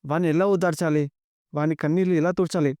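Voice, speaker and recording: A man voicing a weary, heartbroken elderly grandfather in a rapid, dry retelling of a serial episode. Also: a little high, fairly even intonation, warm tone, dry recording, lightly acted. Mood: anguished.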